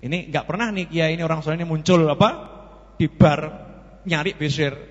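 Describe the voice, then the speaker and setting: A man with a Javanese accent preaching a sermon, animated and telling stories, acting out the dialogue as he goes. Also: a little high, brisk. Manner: animated, acts out dialogue in the story, mixes in Javanese. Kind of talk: sermon with storytelling. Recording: lo-fi echoey hall.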